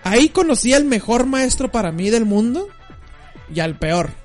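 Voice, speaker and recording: A young Mexican man co-hosting a podcast, telling school stories in slangy, animated casual chat. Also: very high voice, normal speed, soft background music. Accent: Mexican Spanish. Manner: slangy, animated, acts out voices in anecdotes. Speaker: podcast co-host.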